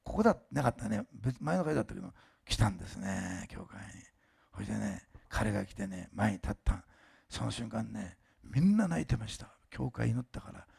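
An older man preaching a sermon and telling a testimony at a fast clip. His voice is heavily gravelly and husky. He talks with emphatic, chatty asides, breaks off and restarts, and now and then his words slur. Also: on the low side, warm tone. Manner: fast-talking, admits slurring lately. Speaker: pastor.

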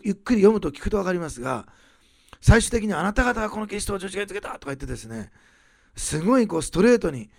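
Animated gravelly male preacher. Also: a little high, dry recording. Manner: animated preaching, rising loud on key phrases, dropping to soft asides. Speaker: pastor. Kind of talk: sermon.

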